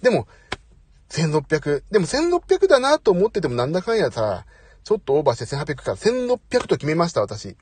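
A man's voice: a little high, huge pitch swings, brisk, a little mellow, breathy edge. A middle-aged man hosting a casual live audio chat, talkative, apologetic and self-deprecating, speaking into a phone. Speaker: host. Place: parked outside, away from home.

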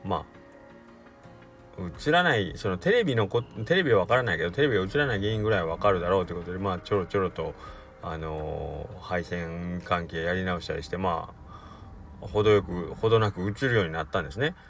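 A man's voice: low voice, a little fast, soft background music. A middle-aged man hosting a solo podcast, rambling casually about everyday things. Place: inside a car.

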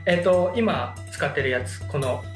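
A young man co-hosting a casual comedy game chat, playful and quick to laugh, fumbling for words as he explains. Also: a little high, echoey room, music in the background. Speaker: podcast co-host.

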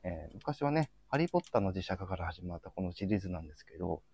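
A low, gravelly male voice with a darkish, slightly rough tone moves in a sing-song rhythm at a quick pace. He is a co-host on a relaxed group chat livestream, politely and hesitantly introducing topics with plenty of fillers.

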